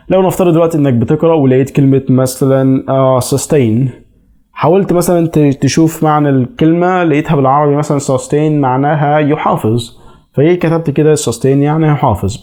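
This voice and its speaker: A man's voice: mid-range voice, warm tone. A man with an Egyptian Arabic accent giving chatty, reassuring advice as an English teacher in a casual explainer video.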